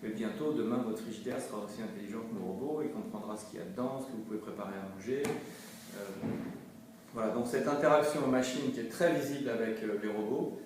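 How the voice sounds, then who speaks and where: A man's voice: fairly low pitch, fairly quick, darkish tone. A man giving explanatory interview talk as a company representative, hesitantly repeating words as he searches for phrasing. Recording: very echoey room, distant mic, faint noise.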